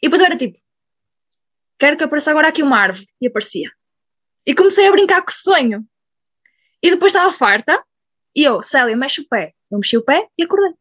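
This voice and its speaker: A young woman with a European Portuguese accent steers a relaxed group conversation and speaks in casual slang. Her voice is a little high, and the sound is dry and close. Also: fast talker, pauses often, dry recording. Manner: chatty, uses slang. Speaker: discussion moderator. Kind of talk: casual chat.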